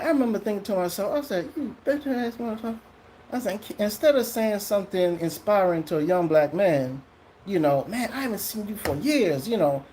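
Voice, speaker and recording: A man tells a personal story straight to the camera in a loose, animated way. His voice jumps up high when he acts out other people, and he swears without holding back. A faint hiss of noise sits behind him. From Trinidadian family in the US. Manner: animated, profane, often acts out what people said. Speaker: vlogger telling a personal story. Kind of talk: casual storytelling monologue.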